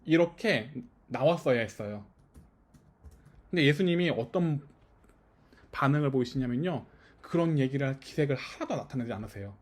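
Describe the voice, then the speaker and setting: Lively male pastor, chatty small-church sermon. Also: medium pitch, moderate pace, pauses often. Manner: keeps checking with listeners, asking if they follow. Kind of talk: conversational sermon. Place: small house-church service.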